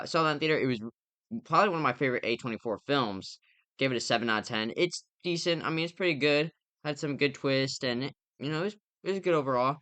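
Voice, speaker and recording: A man's voice: mid-range voice, sharp tone, clear, resonant tone, no echo. A young man co-hosting a podcast, giving rambling, opinionated movie reviews in casual chat. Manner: rambling, opinionated, frequent fillers. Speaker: podcast co-host.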